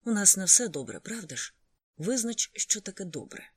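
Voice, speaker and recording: An audiobook reader voicing a troubled, moody young woman, with a voice raised above their own and quick turns between teasing and defensiveness, read in a dry, close setting. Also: mid-range voice, sing-song, slightly rough, no echo. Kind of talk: audiobook character voice.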